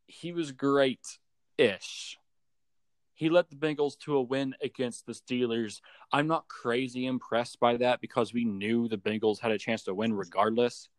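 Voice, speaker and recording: A man's voice: medium pitch, dry recording. A young man in a casual sports voice chat over a phone, giving opinions in a teasing, mock-serious way. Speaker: sports podcast co-host. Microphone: remote voice chat call on a phone.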